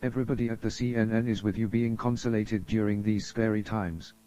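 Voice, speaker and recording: In muffled, lo-fi audio, a man with a very dark, mellow, lowish voice reads scripted emergency announcements. His manner is formal and solemn, like a broadcast announcer addressing the public, and his flat delivery moves fairly quickly.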